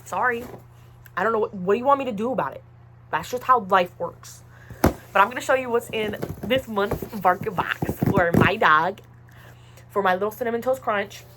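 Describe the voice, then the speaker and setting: A woman's voice: mid-range voice, moderate pace, very noisy. Chatty young woman with playful scolding bursts. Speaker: vlogger. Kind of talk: casual unboxing vlog. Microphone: phone.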